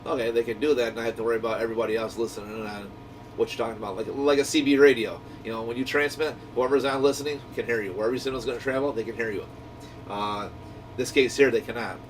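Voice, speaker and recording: A man talks at a quick pace with fairly even intonation, giving an enthusiastic, conversational product review that rambles casually, as though he were a shop owner addressing viewers. The recording comes from a distant mic with a low, noisy rumbling hum.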